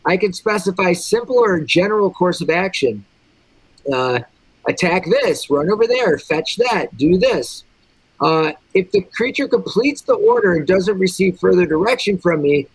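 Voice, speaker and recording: A man's voice: high voice, lively intonation, moderate pace, breathy edge, no echo, poor audio. A man playing a tabletop game, talking casually and thinking aloud through the rules.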